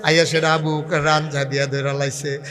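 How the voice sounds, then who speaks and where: A man preaching a waz sermon in a bright, forceful voice. He tells the story animatedly, jumps into voices for others and climbs to sudden high shouts. A long reverb trails every phrase. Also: flat delivery, fairly quick.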